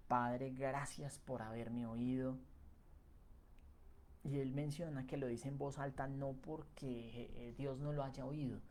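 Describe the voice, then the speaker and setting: A man's voice: mid-range voice, warm tone, slight background noise. A man giving a Bible reflection in a conversational way, with many fillers and tag questions. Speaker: preacher.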